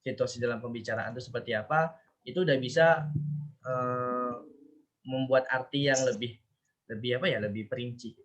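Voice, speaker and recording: A man teaching a casual online language class, chatty, often drawing out example phrases slowly to show their intonation. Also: medium pitch, fairly bright tone. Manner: chatty, rambling asides. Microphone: online class call.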